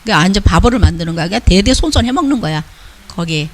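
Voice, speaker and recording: An older man, a missionary, giving a casual, lively report and mimicking the people he talks about. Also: high-pitched, quick pace. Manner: lively storytelling, mimics others' talk. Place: church lecture hall.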